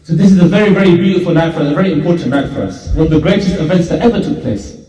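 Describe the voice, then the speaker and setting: A man preaches as imam in a fairly high voice, leaning hard on repeated phrases. His words echo through a mosque hall with a long, ringing reverb, picked up from far across the room. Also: very fast, mellow. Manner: emphatic, repeats phrases for stress. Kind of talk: Friday sermon.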